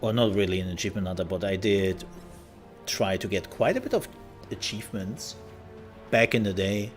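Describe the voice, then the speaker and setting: Guy chatting casually over his game, lowish voice, bit of music in the background. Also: animated, moderate pace. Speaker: gamer, let's play host. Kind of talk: casual gameplay commentary.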